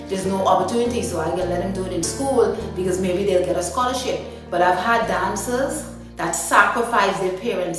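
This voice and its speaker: A woman from Guyana, answering interview questions about her dance ministry in a chatty way, with many "you know" fillers. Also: mid-range voice. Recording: echoey room, mic at a distance, music underneath.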